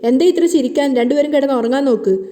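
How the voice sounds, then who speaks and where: A woman's voice: high-pitched, quick pace, dark tone, long reverb tail, close to an everyday voice. A woman voicing a timid middle-aged mother who frets and speaks fearfully. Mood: fretting. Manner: fearful, fretting.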